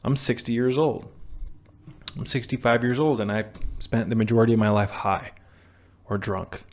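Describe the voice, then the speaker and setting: A man's voice: medium pitch, fairly even intonation, moderate pace. A young man talking straight to his camera about staying sober, blunt and preachy, with frequent restarts and the odd swear word. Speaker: vlogger on sobriety. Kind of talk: direct-to-camera self-help talk. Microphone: camera mic.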